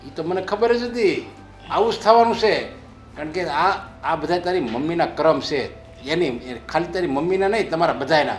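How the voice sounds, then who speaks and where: A man's voice: fairly high pitch, lively intonation, normal speed, reverberant, soft background music, natural voice. An actor playing a blunt, superstitious father-in-law who scolds his family, in a short drama. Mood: stern. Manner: scolding, lecturing.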